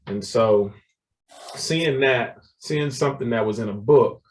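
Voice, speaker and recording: The guest, a real estate developer, talks through his story in a relaxed interview, often laughing and repeating words. His mid-range voice keeps a measured pace, and the mic is distant.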